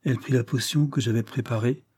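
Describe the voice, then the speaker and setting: A man reading a novel aloud in an earnest, measured first-person narration. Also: mid-range voice, steady tone, dark tone, slightly rough, no room sound, studio quality. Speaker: audiobook narrator.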